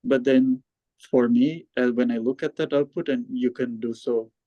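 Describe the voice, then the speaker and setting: A man, a PhD candidate, answers questions in a measured, halting way over a remote video call whose audio keeps breaking up. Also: medium pitch, fairly even intonation, dry recording. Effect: choppy, breaking-up online call audio. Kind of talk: academic Q&A answer. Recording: dull, dry video call line.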